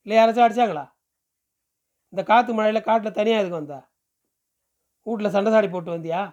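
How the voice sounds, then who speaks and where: A man's voice: high-pitched, a little fast, a little mellow, highs cut off, natural voice. A man voicing a pushy, talkative middle-aged village man who fires off questions in rural speech in an audiobook. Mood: pressing, coaxing. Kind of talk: audiobook character voice.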